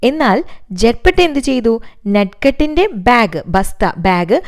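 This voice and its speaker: A woman's voice: fairly high pitch, very animated, moderate pace, faint music behind. A woman teacher, reading lines of a text aloud and explaining each one, asking questions along the way. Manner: reads Hindi lines then explains each in Malayalam; asks the class questions. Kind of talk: lesson explaining a Hindi text in Malayalam.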